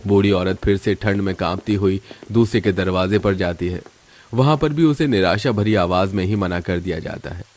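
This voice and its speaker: A man's voice: low-pitched, normal speed, a little mellow. Man narrating a cartoon story. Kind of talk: scripted narration.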